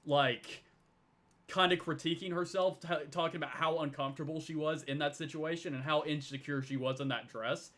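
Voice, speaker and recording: A young man in a casual online debate, halting and repeating words as he argues. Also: fairly high pitch, fairly even intonation, fairly bright tone.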